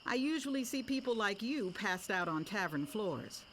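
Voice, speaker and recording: A woman voicing a haughty, sharp-tongued female sword master in a video game, cool and cutting. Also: mid-range voice, expressive, moderate pace, a little hiss or hum, lightly acted. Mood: disdainful.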